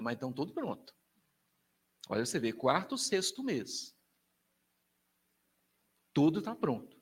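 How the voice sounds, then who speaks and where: Emphatic Brazilian priest, slightly high voice. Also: male voice. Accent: Brazilian Portuguese. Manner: emphatic, colloquial, with wide swings in pitch and loudness. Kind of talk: lecture to families.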